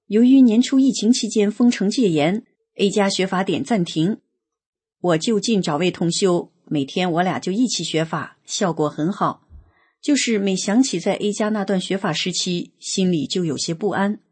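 A woman reading a spiritual testimony aloud in a measured, earnest way, slowing down on lists. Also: mid-range voice, darkish tone, slightly rough. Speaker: reader of a personal testimony.

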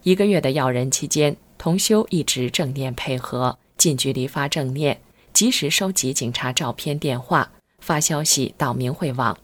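A middle-aged woman reads her first-person account aloud in a low, deep voice. She tells it earnestly and keeps a steady pace. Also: moderate pace.

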